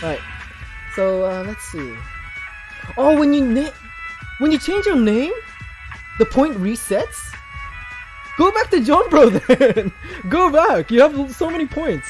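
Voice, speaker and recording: A man hosting a casual livestream, reading viewer comments aloud in an animated, jumpy voice with frequent laughs, on a desk mic. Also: takes it slowly, long pauses. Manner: animated, jumpy pitch, laughs often, talks straight to chat. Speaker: livestream host. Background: background music playing.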